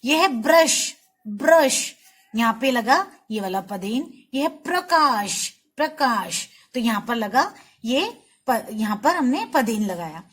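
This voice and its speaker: Woman, teacher, high voice, slow drawn-out syllables, patient, repeats words for kids. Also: big pitch swings, a bit bright, breathy edge. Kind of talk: Hindi spelling lesson for children.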